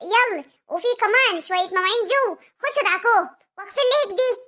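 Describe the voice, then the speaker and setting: A woman's voice: very high-pitched, lively intonation, fast, pushed and bright, voice pushed up, heavily acted. A woman voicing a bossy, nosy old village woman with a rural Egyptian accent, scolding and giggling between words. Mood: bossy, giggly. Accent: rural Egyptian Arabic.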